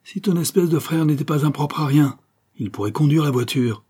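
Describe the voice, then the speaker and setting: A man's voice: medium pitch, a little fast, warm tone, slightly rough, voice pushed up, natural voice. A man voicing a harsh, bullying middle-aged husband who growls and hammers his words. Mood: menacing.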